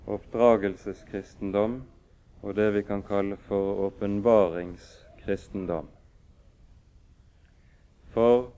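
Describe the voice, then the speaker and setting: Male preacher, sermon with bible reading, smooth mellow voice, measured solemn pauses, dull lo-fi recording. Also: on the low side.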